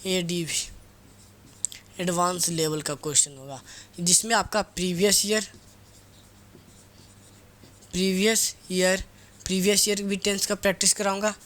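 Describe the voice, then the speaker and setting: A man's voice: high voice, steady tone, a little slow, pauses often, a bit bright. A male teacher, giving a casual grammar lesson, often asking a question and answering it himself. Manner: repeats key words, asks and answers own questions; casual, teasing scolding of students.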